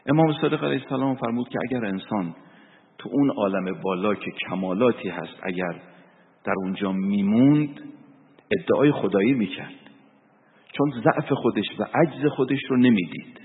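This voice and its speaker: A man giving a sermon as a cleric, telling stories and reciting verse and scripture. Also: fairly low pitch. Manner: storytelling preacher, recites verse and Quran. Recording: tinny phone-like sound with long reverb.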